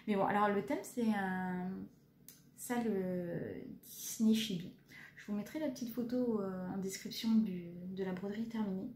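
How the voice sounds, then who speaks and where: A woman in her thirties talks through her stitching projects in a rambling way, full of fillers and little jokes at her own expense. Her voice is mellow and soft in tone. The recording picks up an echoey room with a faint hiss behind her. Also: mid-range voice, steady tone, moderate pace. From France. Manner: chatty, hesitant, many fillers, self-deprecating. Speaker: cross-stitch vlogger. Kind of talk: casual show-and-tell chat.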